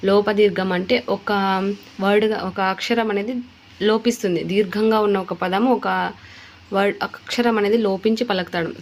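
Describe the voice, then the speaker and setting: A woman's voice: mid-range voice, slight background noise. A woman teaching an exam-prep lesson, explaining step by step and repeating key terms.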